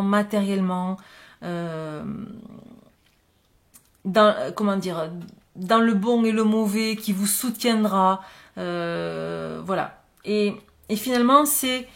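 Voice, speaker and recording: A woman giving a spiritual love card reading, with a gentle, reassuring manner, thinking aloud as she goes. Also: medium pitch. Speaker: oracle card reader.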